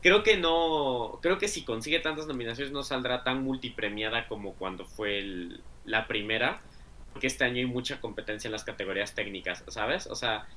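A man's voice: mid-range voice, pushed and bright, a little hiss or hum. A man with a Mexican accent co-hosting a podcast, chatting casually about films with lots of fillers. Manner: chatty, hedging with fillers, quick to laugh. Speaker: podcast co-host. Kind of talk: casual film chat.

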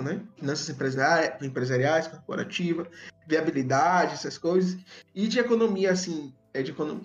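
A man hosting a casual podcast with a tongue-tied, slushy lisp, stumbling over and repeating words in a self-deprecating way. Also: a little high. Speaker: podcast host. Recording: dull lo-fi audio, background music.

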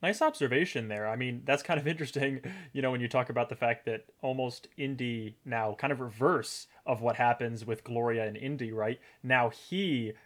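Male podcast co-host, mid-pitched, animated recapper who laughs a lot. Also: moderate pace, hardly any pauses. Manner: animated, laughs often, quotes scenes in character. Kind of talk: casual chat about a TV episode.

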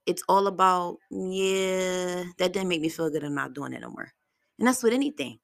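Woman, 30s, low voice, dry close sound, blunt, profane, motivational monologue. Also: normal speed, vocal fry, dry recording. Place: home.

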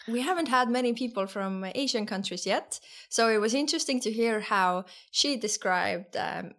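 A woman's voice: fairly high pitch, normal speed, fairly bright tone. A woman co-hosting a podcast in casual chat, friendly and encouraging, with frequent mm-hmms. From Estonia. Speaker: podcast co-host.

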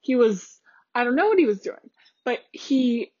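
A woman's voice: fairly high pitch, expressive, measured pace, a little mellow, husky, no room sound. A young adult woman hosting a podcast, telling a casual story in a chatty, rambling way with lots of fillers and restarts. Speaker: podcast host. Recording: dull lo-fi dry recording.

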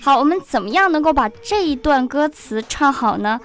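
High-voiced woman teaching song lyrics. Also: animated, fairly bright tone. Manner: reads English lyrics slowly and deliberately, then explains in Chinese. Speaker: English teacher presenting a song lesson. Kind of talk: scripted lesson explaining song lyrics. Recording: faint music underneath.

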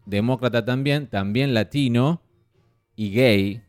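A man co-hosting a casual film-review podcast, chatty and lively. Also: mid-range voice, slow pace, soft background music. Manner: lively, chatty, mimics voices mockingly. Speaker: podcast co-host.

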